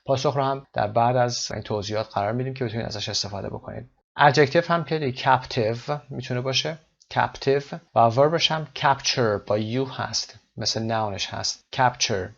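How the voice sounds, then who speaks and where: A man explains an English lesson at an easy, steady pitch. His voice has a gravelly, creaky edge, and the recording sounds dull and lo-fi. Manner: mixes English terms into explanations, with fillers. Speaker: English teacher.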